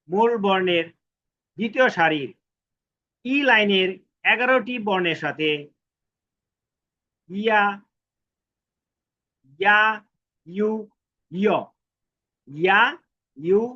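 A man teaching a language lesson, chanting syllables in slow repetition and asking and answering his own questions. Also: high voice, pushed and bright, muffled recording. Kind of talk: recorded alphabet lesson.

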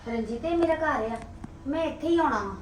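A woman's voice: sits high, lively intonation, brisk, a little hiss or hum. A woman with a Punjabi accent playing a defiant young wife who insists on her place in the home. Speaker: wife, daughter-in-law. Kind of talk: family drama acting. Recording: roomy echo, faint music.

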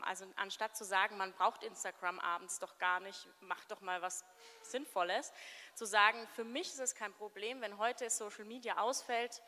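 Bright-voiced woman moderating on a café stage. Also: medium pitch, long reverb tail. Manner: conversational, halting with fillers. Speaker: event moderator. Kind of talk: stage interview. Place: café event stage before an audience.

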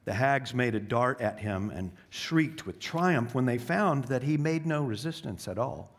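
A man's voice: medium pitch, expressive, a little slow. Man preaching, reading a story dramatically. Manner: dramatic storybook reading, dropping soft for solemn parts. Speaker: pastor. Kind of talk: sermon.

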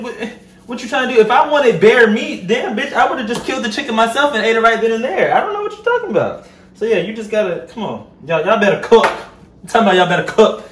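In an echoey home kitchen with some background noise, a high-voiced man in his twenties from Louisiana hosts a cooking vlog. His Southern US accent comes through as he addresses viewers playfully and sassily, animated and full of slang, the camera a step or two off.

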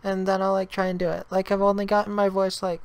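A man's voice: high voice, monotone, fast, smooth, dry recording, pitched above the performer's own voice. A man putting on the voice of a chatty young woman who rambles with lots of "like" on a prank video chat. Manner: filler-heavy, rambling, lots of "like". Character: chatty young woman, valley-girl talk.

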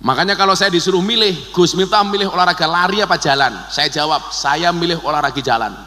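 A man with a Javanese accent preaching a lively, joking sermon, swinging between soft and loud. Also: fairly high pitch, fast talker. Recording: echoey hall.

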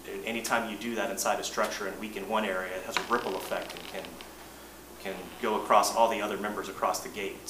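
Man briefing a board from afar. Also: low voice. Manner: measured, plain-spoken, frequent restarts. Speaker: engineering manager briefing a board. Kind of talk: presentation to a board. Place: boardroom meeting. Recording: roomy distant mic, noisy meeting room.

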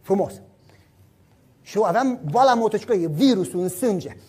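A middle-aged man preaching a sermon, telling stories with lively acted-out voices and sound effects. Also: sits high, husky.

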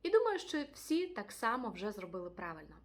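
A woman teaching a language lesson, addressing viewers directly and repeating each word twice, slowly. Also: mid-range voice, very animated. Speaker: Spanish teacher.

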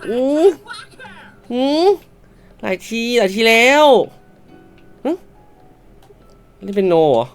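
หญิงสาวพากย์เกมเสียงดัง สบถขำๆ. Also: female voice, medium pitch, big pitch swings, slow, long pauses, soft background music. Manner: loud, exclamatory, swears playfully at game characters; switches to a polite shop-clerk voice at times. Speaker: gamer. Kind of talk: let's-play commentary.

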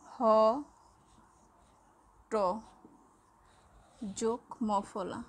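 A woman lecturer giving a patient, slow classroom lesson, spelling out letters one by one. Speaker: Bengali lecturer.

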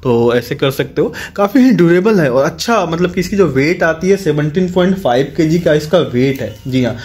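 A man's voice: on the high side, animated, normal speed, a little mellow. A man in his thirties from Jharkhand, chatting casually to a phone camera at home while reviewing a gym bench, often repeating and correcting himself. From Jharkhand, India. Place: small room at home, indoors. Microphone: phone camera, handheld close.

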